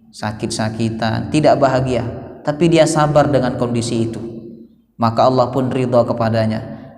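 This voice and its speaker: A male Quran teacher gives a tafsir sermon in a mosque. He chants Arabic verses slowly and puts rhetorical questions to the congregation. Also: medium pitch, a little mellow. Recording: long reverb of a mosque hall.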